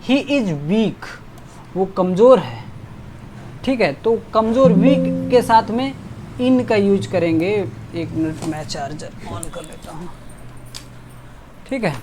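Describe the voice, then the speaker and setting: Slow, mellow-voiced male grammar teacher. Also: high-pitched, a little hiss or hum. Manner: reads English example sentences slowly and drawn out; checks in often with short asides. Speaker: English exam teacher. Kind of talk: exam-prep grammar lesson.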